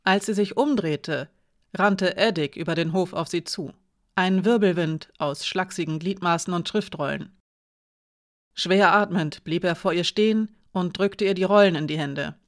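A woman narrating a fantasy audiobook in a calm, even storytelling manner. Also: on the low side, measured pace. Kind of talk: scripted narration.

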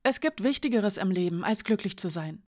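A woman's voice: mid-range voice, animated, fairly quick, natural voice. A woman reading an audiobook, voicing a young woman full of guilt who pleads through tears. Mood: tearful. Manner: pleading, emotional.

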